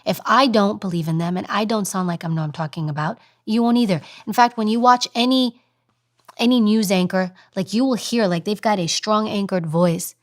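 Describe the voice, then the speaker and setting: A woman in her thirties, a podcast guest, talking with animated storytelling. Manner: animated storytelling, acts out high fast voices. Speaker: guest, former agent and news presenter. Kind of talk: interview conversation.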